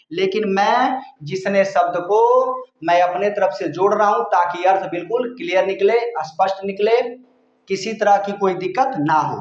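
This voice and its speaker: A man teaching a poem line by line, slowly repeating each word and its meaning. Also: sits high. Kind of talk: line-by-line poem explanation lesson. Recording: echoey dull lo-fi room sound.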